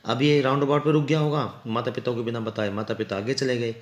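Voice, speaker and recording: A man's voice: medium pitch, steady tone, fast talker. A man teaching a class. He reads an English story line by line, then explains it and spells out words. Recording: roomy echo.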